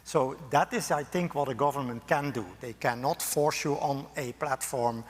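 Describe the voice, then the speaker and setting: A man's voice: mid-range voice, moderate pace. A man speaking as a conference panelist, thoughtful and hedging his points. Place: conference hall. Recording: reverberant conference hall.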